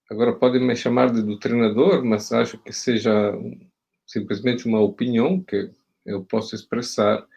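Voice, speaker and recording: Speaking Portuguese with an Italian accent, a middle-aged guest professor from Italy delivers a hesitant academic talk by video call, with many fillers and restarts. He has a mid-range, darkish and husky voice.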